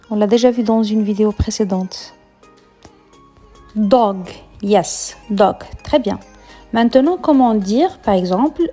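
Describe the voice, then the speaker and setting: This is a woman giving an unhurried English lesson in French, with a mellow, fairly high voice. She repeats each example word clearly and patiently. Soft music plays underneath. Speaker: English teacher.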